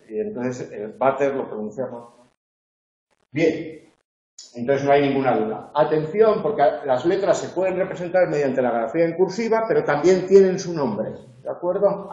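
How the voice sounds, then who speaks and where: A man lectures as a university tutor, walking through exam answers and often pausing to check that everyone follows. His voice is mellow and a bit higher than usual for a man. The recording is dull and lo-fi, with a lot of room echo. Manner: methodical, checks understanding with frequent "¿de acuerdo?". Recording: echoey, dull lo-fi classroom recording.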